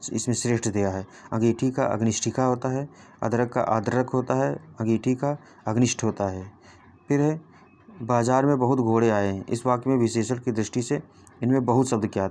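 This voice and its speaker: A man's voice: medium pitch, a little mellow. A man working through an exam paper, reading each question and its options aloud and explaining the answers, often stopping short to correct himself. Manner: reads out options then explains, with false starts. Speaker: exam tutor.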